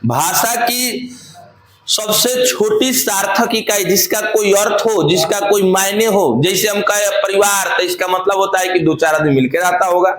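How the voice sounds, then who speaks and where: A man's voice: high voice, fairly even intonation, normal speed, hardly any pauses, fairly bright tone, echoey room. A man teaching grammar in a classroom lecture, repeating phrases and quizzing his students.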